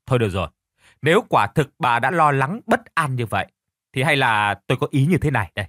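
Guy voicing a grumpy old farmer husband, scolds and grumbles, lively pitch, dry close sound. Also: fairly quick, no echo. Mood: indignant. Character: gruff older farmer husband, irritable but softening.

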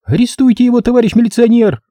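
A man's voice: fast talker, mellow, no room sound, studio quality. A man voicing a furious mother who screeches accusations. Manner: shrill, screeching. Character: screaming furious young mother.

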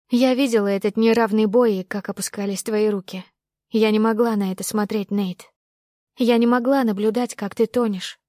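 A heartbroken young woman, as a female narrator puts her on, pouring out raw, emotional lines. The recording is close and dry, her pitch in a plain middle range. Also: a little mellow, dry recording, lightly acted. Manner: emotional outbursts. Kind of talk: audiobook character voice.

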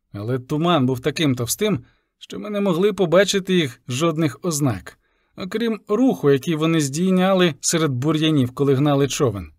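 Casting: male audiobook narrator, measured, fairly high pitch, dry booth. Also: darkish tone, no room sound. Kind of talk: first-person audiobook narration.

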